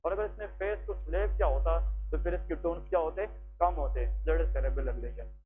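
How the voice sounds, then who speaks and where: A man's voice: sits high, a little fast. A man teaching a medical class, explaining an examination step by step and often checking that students follow. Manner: explanatory, asks the class frequent check questions. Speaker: medical lecturer. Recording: tinny phone-like recording with faint music.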